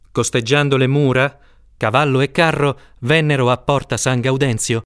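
A man's voice: mid-range voice, dry recording, clean studio sound. Man reading an audiobook. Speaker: narrator. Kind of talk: audiobook narration.

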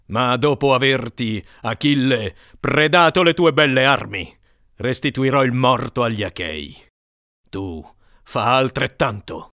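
A noble, doomed warrior prince speaks in a grave and solemn voice with a bright, tense edge, as a man acts him out. The sound is close and dry, like an epic audiobook reading. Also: mid-range voice, expressive, measured pace, no echo.

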